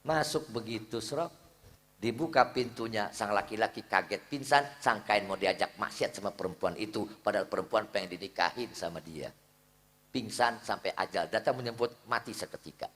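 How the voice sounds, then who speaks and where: A man's voice: fairly low pitch, normal speed, a bit bright. A man preaching a humorous sermon, telling a story with voices and joking with the audience. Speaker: Islamic preacher. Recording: echoey hall reverb.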